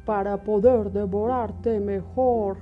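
A woman voicing a sly, hungry male storybook wolf in a slow, drawn-out wolf voice. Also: medium pitch, fairly even intonation, narrow, tinny audio, natural voice. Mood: menacing. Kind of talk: storybook character acting. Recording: music behind the voice.

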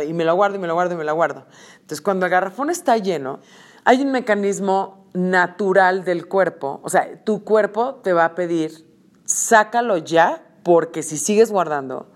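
A woman, teaching a group in a conversational way and acting out short quoted lines. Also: medium pitch. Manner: conversational, acts out quick quoted voices. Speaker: workshop facilitator. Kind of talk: teaching a group about emotions.

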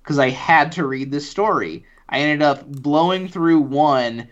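A man's voice: a little high, measured pace, fairly bright tone, muffled recording. A man co-hosting a casual podcast talk about books, speaking loosely and hedging his points. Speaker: podcast co-host discussing books. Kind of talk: casual chat.

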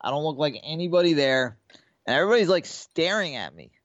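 A man's voice: on the high side, expressive, quick pace, a bit bright, no room sound, lo-fi sound. Rambling man telling casino stories. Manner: rambling storyteller, swears freely, acts out quotes. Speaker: podcast co-host. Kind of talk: casual sports betting chat.

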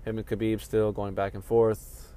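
A man's voice: fairly low pitch, level tone, moderate pace, mellow, clear, resonant tone. A man talking casually at home about fight news, rambling and yawning as he goes. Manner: rambling, yawning, laid-back. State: sleepy, yawning. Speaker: MMA commentary vlogger. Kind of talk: casual solo talk. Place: home room with sunny window.

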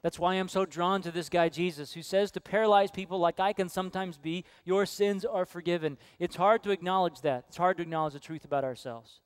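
A man's voice: high voice, fairly quick, hardly any pauses, clear, resonant tone. Guy preaching a sermon, earnest, clean dry sound no room echo. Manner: earnest preaching, storytelling with hushed quoted voices. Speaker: pastor. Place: church sanctuary.

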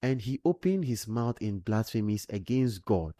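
A man teaching an informal Bible study, thinking aloud with many fillers and breaking into sudden excited exclamations. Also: lowish voice, moderate pace, dry recording, clean studio sound.

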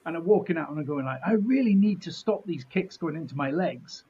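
A man's voice: on the high side, animated, brisk, mellow, highs cut off, slight background noise. A middle-aged man, telling anecdotes in casual chat in a jokey, self-deprecating, mildly sweary way. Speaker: martial artist being interviewed.

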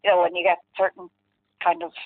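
A woman's voice: lowish voice, sing-song, brisk, creaky, no echo. West of Ireland woman, muffled phone line. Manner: rambling, conversational, with many filler phrases. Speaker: interviewee telling a personal story. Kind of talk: casual, candid personal storytelling.

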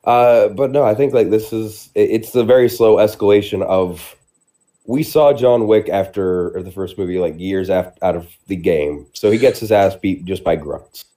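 Low, mellow-voiced man chatting casually. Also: normal speed. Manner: rambling, frequent restarts and fillers. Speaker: podcast co-host. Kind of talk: casual chat.

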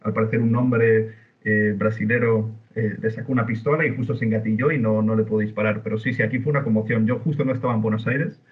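A man from Spain, a podcast guest chatting casually from Buenos Aires over a remote call, halting with fillers and restarts. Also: fairly low pitch, fairly even intonation. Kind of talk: casual opinion chat. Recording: tinny phone-like line.

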